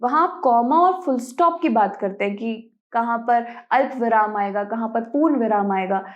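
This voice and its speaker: High pitched woman guest talking firmly, giving advice in an interview. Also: moderate pace, muffled recording. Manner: firm, advising tone. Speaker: guest poet. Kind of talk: interview conversation.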